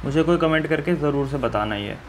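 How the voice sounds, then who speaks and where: Speaking quickly in a fairly high voice, a man teaches students how to complete a map one step at a time. He is friendly and reassuring, often questions his viewers, and there is slight noise in the background.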